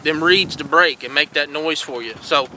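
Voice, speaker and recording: A man's voice: a little high, normal speed, noisy background. A man giving folksy, encouraging outdoor lessons, repeating "all right" and "guys" often. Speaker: host teaching duck calling. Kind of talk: casual outdoor instruction.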